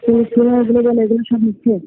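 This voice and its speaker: A man's voice: very high voice, completely flat delivery, rapid-fire. A man voicing a jealous young college girlfriend who curtly accuses her boyfriend over a tinny phone line. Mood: suspicious. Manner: sharp, accusing, curt. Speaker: girlfriend in staged phone call. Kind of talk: staged phone-call drama.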